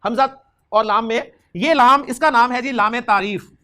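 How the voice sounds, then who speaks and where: Man, high-pitched, grammar lecture, questions his students, repeats terms. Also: pushed and bright. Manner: questions students and drills answers back; repeats key terms slowly for emphasis. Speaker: Arabic grammar teacher. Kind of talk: classroom lecture.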